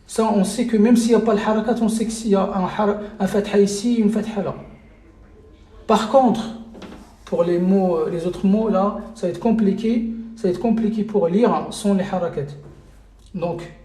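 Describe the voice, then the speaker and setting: A man's voice: high-pitched, moderate pace, dark tone, roomy sound. A man teaching a live online lesson as an Arabic teacher, hesitant with many fillers and repeated checks that listeners follow.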